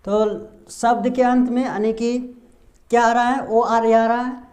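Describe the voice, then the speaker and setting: Slow, questioning Indian male teacher. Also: very high voice, level tone, darkish tone. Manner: asks and answers own questions. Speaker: English pronunciation teacher. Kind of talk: slow explanatory lesson with repeated questions.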